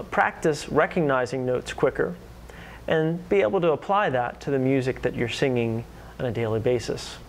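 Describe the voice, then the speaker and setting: A man teaching singing, speaking calmly and patiently and singing chant and solfege slowly as demonstrations. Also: mid-range voice, slight background noise. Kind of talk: instructional voice-over with sung demonstrations.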